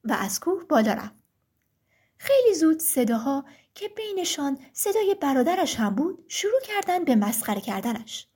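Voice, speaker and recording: A woman narrating a children's fairy tale in a calm, clear storytelling manner. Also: high voice.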